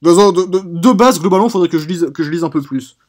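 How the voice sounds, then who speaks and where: A man's voice: high-pitched, fast, darkish tone. A man hosting a live stream, chatting casually and drifting into digressions. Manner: rambling, prone to digressions. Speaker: streamer host.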